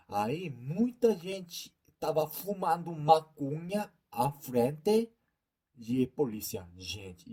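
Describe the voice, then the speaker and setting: A young man in his twenties from South Korea with a Korean accent, speaking a second language haltingly in a casual interview, often pausing to search for words. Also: fairly high pitch, mellow. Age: 20s. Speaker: interviewee, YouTuber.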